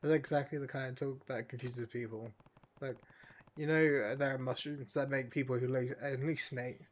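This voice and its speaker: A man reading out the lines of a calm, sensible young male brawler in a video game, stumbling over the place names. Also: mid-range voice, normal speed, lightly acted. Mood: reasoning.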